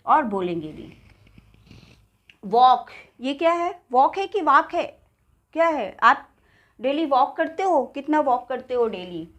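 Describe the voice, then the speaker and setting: A woman teaching spoken English with an Indian accent, repeating each word slowly and checking in with her students. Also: sits high, sing-song, a bit bright.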